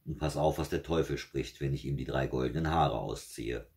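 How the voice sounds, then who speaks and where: A man's voice: a bass voice, normal speed, a little mellow. A man reading aloud and voicing the devil's grandmother, a shrewd, kindly old woman who scolds and soothes. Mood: scolding soothing.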